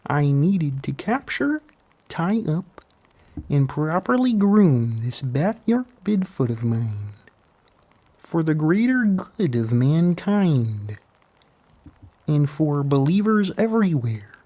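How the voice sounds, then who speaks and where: A man voicing an earnest, eccentric frog puppet in soft-spoken ASMR storytelling, with theatrical, halting pauses. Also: a little high, big pitch swings, muffled recording, heavily acted. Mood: solemn, scheming. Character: Kermit-like male frog puppet, eccentric, earnest Bigfoot believer. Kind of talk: whispery ASMR storytelling and roleplay.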